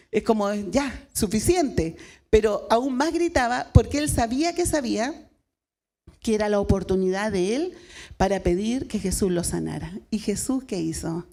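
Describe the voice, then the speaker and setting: A woman's voice: on the high side, vocal fry, warm tone. A woman pastor with a Chilean Spanish accent preaching a sermon, retelling a story and asking the congregation questions.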